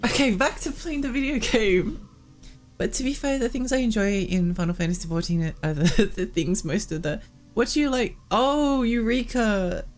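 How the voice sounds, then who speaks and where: This live game streamer talks casually and with plenty of expression at a moderate pace, her voice a little high. Game music plays behind her, and fatigue shows as her worn voice cracks from being lost.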